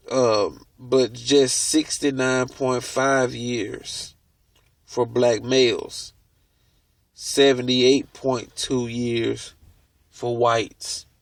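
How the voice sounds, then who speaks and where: A man hosting a video, reading from a book aloud and stopping to comment on it in a deliberate way. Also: medium pitch, no room sound. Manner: deliberate, stops to comment on what he reads. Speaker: video host.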